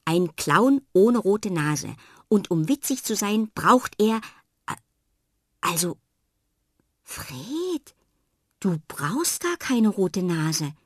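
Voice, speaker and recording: A woman's voice: medium pitch, very slow, long pauses, no room sound, studio quality, voice pushed up, exaggerated voice. A woman voicing a curious cheerful young girl. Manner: bright and lively, sometimes whispering.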